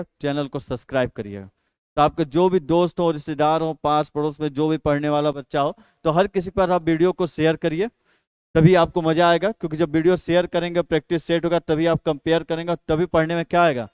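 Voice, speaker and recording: A man's voice: a little high, darkish tone, clean tone, no room sound. A man teaching an exam practice lesson, repeating each question and then answering it himself.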